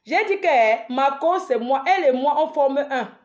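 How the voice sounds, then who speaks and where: A fairly high-voiced woman hosting a live stream for her viewers. She keeps chanting rallying calls, shouts out their names one after another and breaks off into emphatic, scolding asides. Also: expressive, normal speed.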